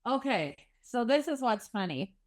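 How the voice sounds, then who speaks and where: A young woman, a guest on a podcast, telling a lively story and acting out quotes. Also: measured pace. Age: young adult. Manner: animated, acts out quotes with big pitch jumps. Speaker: guest, foster parent.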